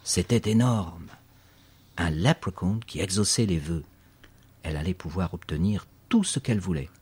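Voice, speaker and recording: Narrator: man, deep-voiced and breathy, expressive storybook reading. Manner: expressive reading, spells words out slowly. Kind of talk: audiobook narration.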